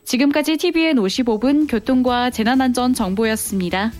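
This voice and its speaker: A female caster reads a scripted radio bulletin on weather and safety. Her voice is fairly high. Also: a little fast, music in the background.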